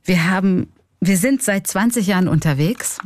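A woman's voice: medium pitch, moderate pace, a little hiss or hum. A middle-aged woman with a Swiss German accent, a clown and comedian, talking candidly and reflectively in an interview. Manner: reflective, candid, laughs often.

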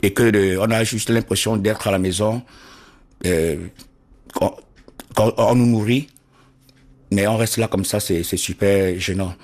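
A man from Cameroon, interviewed about his situation, speaking earnestly and haltingly, often repeating words as he searches for them. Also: on the low side, fairly even intonation, darkish tone. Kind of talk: interview testimony.

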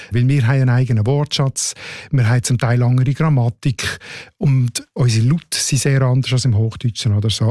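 A man's voice: medium pitch, darkish tone, no room sound, clean studio sound. A man with a Swiss German accent explaining language matters on a radio show, often ending his sentences with a questioning tag. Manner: explanatory, tags sentences with "oder?". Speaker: language expert co-host.

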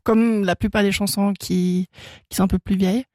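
A young Swiss woman whose first language is German chats as a singer-songwriter guest in a radio studio, in a casual interview. Her voice is medium-pitched and darkish, with fairly even intonation and a moderate pace, and there's no room sound. She laughs often and talks with plenty of fillers and restarts.

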